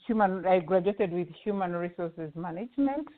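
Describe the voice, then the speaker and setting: A middle-aged woman with a Ugandan accent, a guest answering interview questions earnestly, with many pauses and fillers. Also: on the low side, lively intonation. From western Uganda. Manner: earnest, with frequent fillers and restarts. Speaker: guest, home care agency CEO. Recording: tinny phone-line audio.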